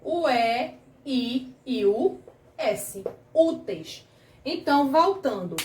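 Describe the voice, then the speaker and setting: High-voiced woman teaching young kids. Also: expressive, drawn-out words, darkish tone, echoey room, far from the mic, a little hiss or hum. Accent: Brazilian Portuguese. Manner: patient, asks the class questions, drags out words. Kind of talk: grammar lesson for children.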